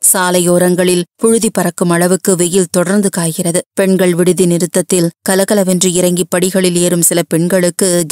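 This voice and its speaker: A woman reading a novel chapter aloud in a steady, even storytelling voice. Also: on the low side, dry recording, studio quality.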